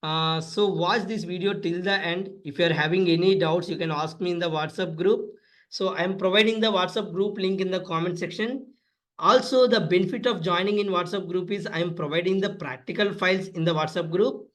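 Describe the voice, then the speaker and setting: The audio is poor as an Indian-accented instructor teaches a coding lesson step by step, fairly quickly and in a high, somewhat bright voice. He addresses his listeners as friends and repeats phrases often.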